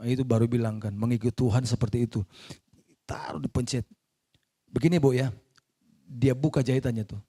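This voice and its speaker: A man's voice: mid-range voice, warm tone. A middle-aged man, a pastor, telling a personal testimony in a conversational sermon and acting out the voices he quotes.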